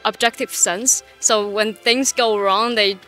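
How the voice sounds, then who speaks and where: Bright woman pausing to think. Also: medium pitch, steady tone, faint music behind. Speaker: interviewee. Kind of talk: casual street interview answer.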